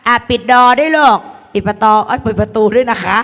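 A woman tutor with a cold and a hoarse voice, teaching a playful exam-prep lecture to a hall of students. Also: fairly high pitch, fairly quick. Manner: playful, teasing, calls the students "kids". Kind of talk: lively classroom lecture. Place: large hall full of students. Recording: echoey hall.

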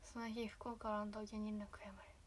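A young woman chatting casually on a livestream, rambling and often trailing off into soft asides. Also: medium pitch, level tone, quick pace. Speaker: idol trainee livestreaming.

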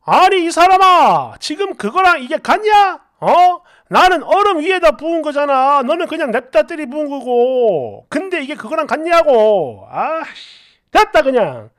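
A woman voicing an irritated, scornful husband who scolds his wife loudly. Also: high-pitched, wildly swooping pitch, a little slow, no room sound, clean studio sound, exaggerated voice. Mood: exasperated. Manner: loud, exasperated scolding.

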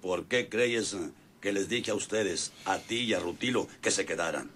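A man plays a bossy, bragging ranch boss in an old-time radio drama, speaking with a rural northern Mexican accent in a folksy, domineering, scheming way. His voice is low and a bit bright, at a moderate pace, with a little hiss or hum on the recording.

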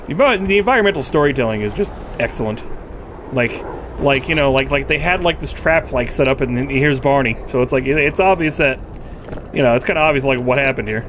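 A man's voice: mid-range voice, expressive, brisk, a bit bright, a little hiss or hum. A man streaming a game live, giving casual, rambling commentary full of "like" fillers and frustrated swearing. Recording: game sounds clearly audible under the voice.

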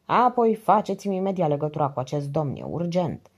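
A woman's voice: low voice, sing-song, breathy edge, heavily acted. A woman reading the lines of a stern middle-aged male police commissioner in an audiobook, curt and businesslike on the phone. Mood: brisk.

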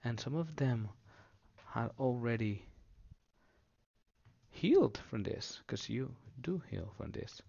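A man explaining things simply for children, unscripted, in short halting phrases with pauses, on a dull lo-fi recording. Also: mid-range voice, lively intonation, gravelly, mellow, husky. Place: indoors at a table.

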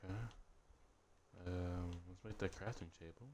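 A man giving crude, joking commentary while playing a game, swearing a lot and breaking into sudden loud yelps between mumbled asides. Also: low-pitched, fairly even intonation, measured pace, a little hiss or hum. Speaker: gamer streamer. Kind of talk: casual gameplay commentary.

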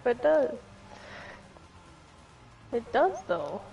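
High-voiced goofy woman over dull voice chat. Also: sing-song, very slow, vocal fry, slightly rough, recorded from a distance, soft background music. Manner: goofy, giggly, says dude a lot. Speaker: gaming partner. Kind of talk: casual gaming chat.

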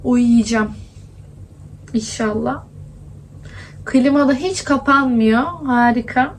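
A high-pitched young woman from Adana talks her way through her day in a relaxed vlog. She grumbles and laughs easily, speaking casually to the camera. Faint street and traffic noise sits behind her outdoors. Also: slow. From Adana, Turkey. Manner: chatty, complaining, often laughing. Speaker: vlogger. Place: indoors at home, then outdoors in hot streets.

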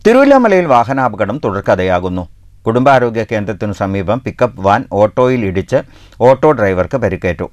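A male news anchor from Kerala reading short headline intros in a brisk studio delivery. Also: on the low side, big pitch swings, dry recording. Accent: Malayalam, Kerala.

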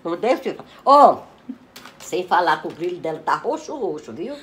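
A woman with a Northeastern Brazilian accent playing a furious mother in a comedy sketch, scolding loudly with crude insults and sudden outbursts. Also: lowish voice, sing-song, brisk. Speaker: comic mother character.

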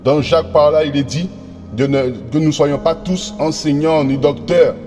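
A man preaches to his congregation in a slightly raised voice, reading verses slowly and stumbling over repeated words and fillers. His voice rings with a long reverb, and soft music plays faintly underneath. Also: a little high, steady tone. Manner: reads verses slowly and deliberately; addresses listeners as brothers, sisters and friends. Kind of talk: sermon with scripture reading.

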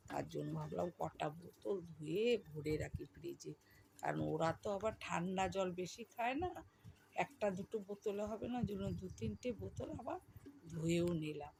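A middle-aged woman with a Bengali accent and a hoarse voice, chatting to her viewers as she talks over her housework. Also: lowish voice, background noise. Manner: chatty, addresses viewers as friends. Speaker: vlogger. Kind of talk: casual voice-over of household chores.

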